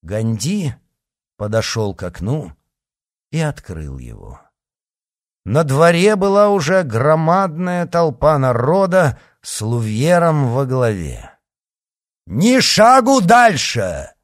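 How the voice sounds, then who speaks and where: Male audiobook narrator, dramatic, very lively pitch, dry close recording. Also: slow, no echo. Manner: expressive, dramatic.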